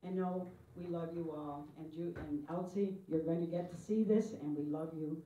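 A woman's voice: on the low side, steady tone, moderate pace, dark tone, lo-fi sound. A woman welcoming guests to a church fellowship tea in a chatty, self-deprecating way. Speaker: event organizer. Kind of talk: welcome speech. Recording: distant mic in echoey hall, faint room noise.

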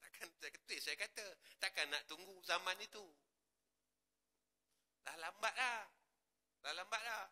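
A man with a Malaysian Malay accent preaching in a prayer hall, switching from quiet asides to loud rising exclamations. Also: high voice, measured pace, pauses often. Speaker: religious teacher. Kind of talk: mosque sermon.

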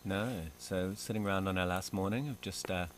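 A man's voice: low voice, a little fast, a little hiss or hum. A young man chatting at a forest campsite in a laid-back, wry way. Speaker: landowner and hunting companion. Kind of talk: casual chat.

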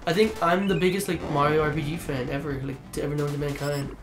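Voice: medium pitch, steady tone, fast talker. Teasing friend watching a game, roomy sound with game music. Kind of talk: casual chat.

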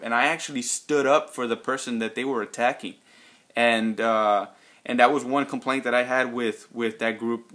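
Texan man, fragrance vlogger, bright forward tone, unscripted and rambling with lots of ums. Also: medium pitch. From Texas. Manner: rambling, many ums and restarts. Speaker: fragrance reviewer. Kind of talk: casual unscripted vlog response.

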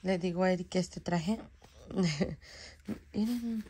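Chatty mom vlogging at home. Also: female voice, on the low side, slow, mellow, slightly rough. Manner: chatty, teasing, swears casually. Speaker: vlogger and mother. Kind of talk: casual home vlog chat. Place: home bedroom.

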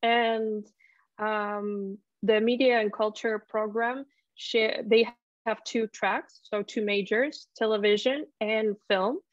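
A woman in her early twenties from Finland, a student presenting her study program on a video call, hesitant with many pauses and restarts. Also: medium pitch, steady tone, no room sound. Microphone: laptop mic on video call. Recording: dull, lo-fi video call audio.

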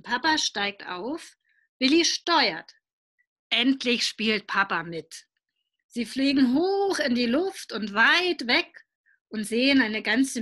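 A woman reading a picture book aloud to children, lively and asking them questions along the way. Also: fairly high pitch.

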